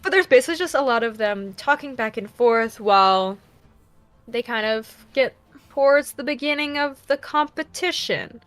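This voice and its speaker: A woman co-hosting a casual book chat, eager and animated as she recaps the story. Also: on the high side, normal speed, no echo. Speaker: podcast co-host.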